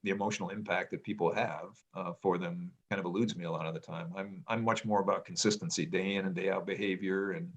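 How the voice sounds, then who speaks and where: In a relaxed family conversation, a middle-aged parent who co-hosts a podcast thinks aloud in a very deep, low voice, mentioning that his voice is loud. He talks fast with hardly any pauses yet sounds hesitant and reflective, often restarting sentences or filling gaps with "um," all on lo-fi audio.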